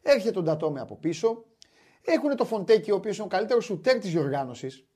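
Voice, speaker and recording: A man hosting a basketball talk show, chatting animatedly and wryly, often restarting his sentences. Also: sits high. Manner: animated, wry, many restarts. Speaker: sports show host. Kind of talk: casual basketball chat.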